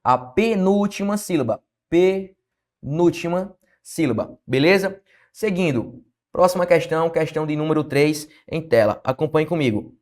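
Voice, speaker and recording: Brazilian man teaching grammar, high-pitched. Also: normal speed. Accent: Brazilian Portuguese. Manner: lively, questioning, answers his own questions. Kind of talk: online exam-prep grammar lesson.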